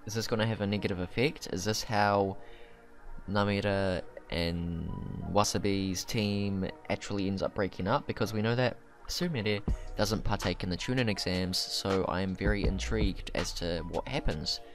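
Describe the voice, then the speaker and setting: A man's voice: on the low side, moderate pace, over music. A man hosting a casual video commentary, thinking aloud and correcting himself as he speculates conversationally. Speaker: YouTube anime commentator and host.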